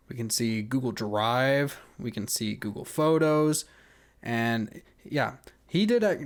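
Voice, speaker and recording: Guy doing casual screen recording walkthrough, conversational and explanatory. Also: mid-range voice. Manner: conversational, explanatory, often checking with "right?". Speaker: video creator walking through an account hack.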